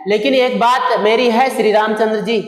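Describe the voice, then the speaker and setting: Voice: mid-range voice, steady tone, normal speed. Teacher in a reverberant echoey room. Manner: repeats questions and answers them, rephrases with synonyms. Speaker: Hindi teacher. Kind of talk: explaining a Hindi poem for exam students.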